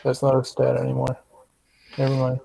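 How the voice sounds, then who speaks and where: Man, middle pitch, casual tabletop player, conversational role-play. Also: completely flat delivery, normal speed, creaky, dark tone, poor audio. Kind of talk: casual in-character table talk.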